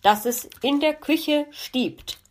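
A woman's voice: high-pitched, slow, voice pushed up. A woman voicing a genial, polite male fox baking cookies in a children's audiobook. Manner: courteous, amused and warm.

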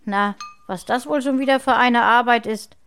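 A woman's voice: on the high side, moderate pace, a bit bright, clean tone, voice pushed up. A woman voicing a stern mother in her late thirties who scolds her children firmly. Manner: firm scolding tone.

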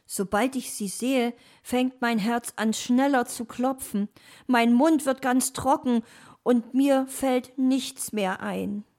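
Timid lovesick young fellow, read by a woman: slow, hesitant, soft-spoken storybook suitor. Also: a little high, voice pushed up.

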